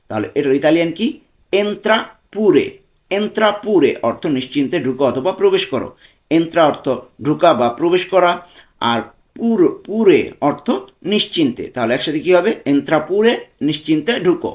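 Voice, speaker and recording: A man tutoring a language lesson, slowly repeating short phrases and their meanings. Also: a little high. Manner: slow, repetitive drilling of phrases with translations.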